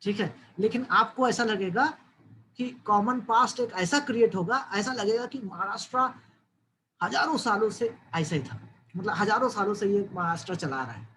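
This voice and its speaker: A man's voice: high-pitched, moderate pace, sharp tone, low-quality recording. Explaining man lecturing, faint background hiss. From Uttar Pradesh, India. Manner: explanatory, checks in with listeners often; dry asides, jokes then says not to take it seriously. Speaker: social science lecturer. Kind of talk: online lecture.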